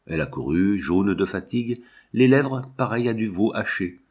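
A man narrating a novel as an audiobook, reading in a measured, expressive way. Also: lowish voice, slightly rough.

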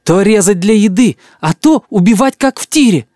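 A shrill, outraged young boy. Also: animated, moderate pace, no room sound, clean studio sound. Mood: outraged shouting. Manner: shouting, voice breaking. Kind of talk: audiobook character voice.

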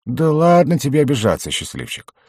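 A man's voice: medium pitch, wildly swooping pitch, brisk, darkish tone, husky, no echo, clean studio sound, pitched above the performer's own voice. A man voicing a good-natured grown male warrior in an audiobook, cheerful and teasing.

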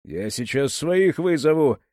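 A man's voice: on the high side, lively intonation, measured pace, darkish tone, dry recording, clean studio sound. A man voicing a menacing shaven-headed male thug boss who talks in a threatening, bossy way.

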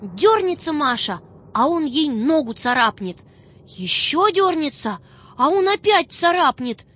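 Expressive woman reading a children's tale. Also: sits high. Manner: expressive, slow storytelling. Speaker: audiobook narrator. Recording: dull dry recording with faint music.

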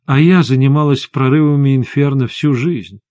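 A tired, stern sorceress speaks in low, measured tones, voiced by a man reading an audiobook. The voice sits at a middling pitch. The recording is dry and close. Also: darkish tone, no room sound, lightly acted. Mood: grave. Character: weary, stern female sorceress.

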